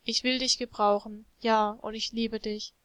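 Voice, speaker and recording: A woman's voice: a little high, little pitch movement, unhurried, a bit bright, dry recording. A woman voicing a patient, loving male potter who explains things tenderly to his clay jug in a storybook.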